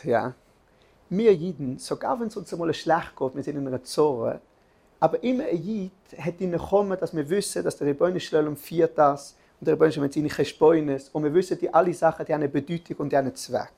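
A man's voice: fairly high pitch, vocal fry, dark tone, slightly rough. A man giving an earnest religious lesson, telling a story with restarts and filler sounds.

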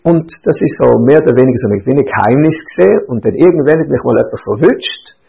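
Gravelly man giving a Torah lecture. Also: medium pitch, animated, fast talker. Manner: explanatory, repeats points with rhetorical questions. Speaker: rabbi. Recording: dull lo-fi recording.

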